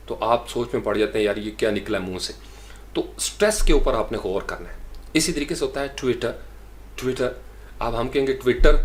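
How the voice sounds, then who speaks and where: A man from Pakistan gives a pronunciation lesson in a mid-pitched, ordinary voice. He explains each point conversationally, then repeats single words several times, slowing down and drawing out the stressed syllable. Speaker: English pronunciation teacher. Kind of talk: spoken language lesson.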